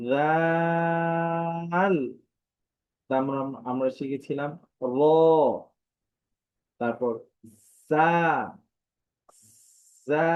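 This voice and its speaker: A man teaching an online lesson, patiently repeating syllables and drawing out each letter name to model the sound. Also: medium pitch. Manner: slow, patient drilling of sounds with many repetitions; drawn-out sung syllables when modeling letters. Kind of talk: online live class lesson. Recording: dull lo-fi online class audio.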